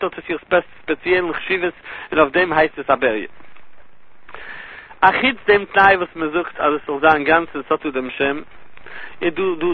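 Yiddish-accented guy teaching talmud in a singsong study tune, kinda high husky voice. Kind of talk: Talmudic lecture. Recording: tinny lo-fi phone-line audio.

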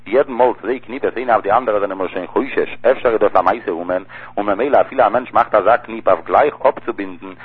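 A man with a husky, somewhat low voice rattles through a religious law lesson at a fast clip. He keeps circling back to repeat key phrases as he explains. The sound is thin and tinny, like a phone line. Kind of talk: text-study lesson.

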